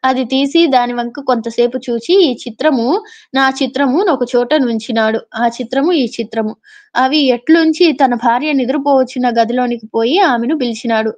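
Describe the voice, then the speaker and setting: High-voiced woman reading an old novel. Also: moderate pace, darkish tone. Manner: reads old literary prose, adds casual explanations. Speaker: storyteller. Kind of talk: reading a classic novel aloud with asides. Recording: dull lo-fi audio.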